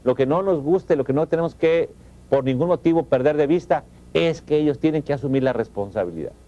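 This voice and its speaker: A man's voice: a little high, brisk, dark tone. A middle-aged Mexican man, a professor, giving an emphatic, conversational motivational talk on family values with rhetorical questions. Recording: dull lo-fi recording.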